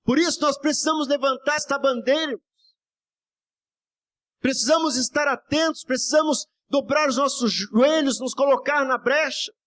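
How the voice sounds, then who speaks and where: A man's voice: very high voice, normal speed, fairly bright tone. A man, a pastor, preaching a fervent evening sermon in church, exhorting the congregation and often calling out to the brothers and asking for amens. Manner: constantly addresses "brothers" and asks for amens. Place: church service before a congregation.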